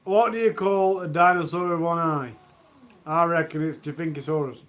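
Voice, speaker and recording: Male streamer, high voice, reads bad jokes live from home and groans at them. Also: fairly even intonation, normal speed, a bit bright. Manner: self-mocking, groans at own jokes. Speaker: livestream host. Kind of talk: reading jokes on a charity livestream.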